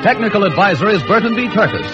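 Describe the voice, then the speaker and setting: A man's voice: high-pitched, big pitch swings, fast, highs cut off. An American man announcing from a script in old-time radio style. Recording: old radio recording with music. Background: music.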